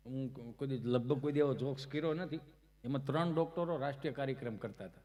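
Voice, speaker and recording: A man telling comic stories on stage, chatty and anecdotal, acting out the other people's voices and breaking into loud chanted verse. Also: medium pitch, quick pace. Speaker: folk comedian and storyteller. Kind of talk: Gujarati comic storytelling on stage.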